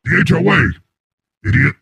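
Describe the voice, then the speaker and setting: Through a warped voice-changer filter, a crude and self-important neighborhood boss rambles in a rough, gravelly rasp, as a man puts him on for a prank call. The processed voice swoops widely up and down as it mocks the caller. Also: fairly high pitch, big pitch swings, slow, bright, forceful tone, dry recording, pitched above the performer's own voice, full character voice. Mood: smarmy. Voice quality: gravelly, raspy. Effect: voice changer distortion.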